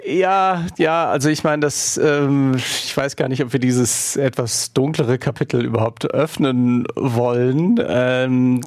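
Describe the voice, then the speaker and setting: A man's voice: mid-range voice, steady tone, takes it slowly, few pauses, darkish tone, no room sound. Hesitant male interviewer, dry close sound. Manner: hesitant, many fillers, self-deprecating. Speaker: podcast host. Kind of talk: conversational interview.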